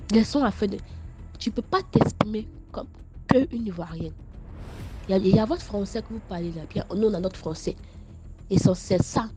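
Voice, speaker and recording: Stammering Ivorian woman telling her story. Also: mid-range voice. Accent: Ivorian French. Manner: stammering, repeats words; animated, scolding. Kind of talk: casual spoken testimony.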